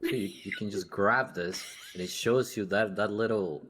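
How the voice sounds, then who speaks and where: A man's voice: fairly low pitch, moderate pace, background noise. A man chatting casually with friends during a game, explaining things and pushing back. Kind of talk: casual gaming chat.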